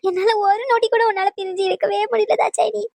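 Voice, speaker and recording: A woman's voice: very high-pitched, steady tone, fast, gravelly, darkish tone, dry recording, pitched above the performer's own voice. A woman voicing a fussing old grandmother who speaks in a tearful, sing-song wail. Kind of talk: cartoon dub voice acting.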